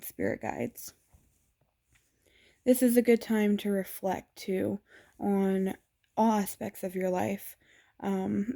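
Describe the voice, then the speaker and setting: Woman, vlogger, casual explainer, hesitant with fillers, level monotone delivery. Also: mid-range voice, vocal fry. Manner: hesitant, frequent filler pauses.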